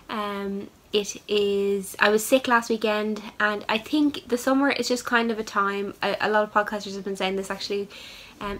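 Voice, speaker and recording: With a head cold and a mid-range, slightly bright voice, this young woman from Ireland runs a chatty knitting podcast. Her show-and-tell is relaxed, sprinkled with ums and cheerful asides.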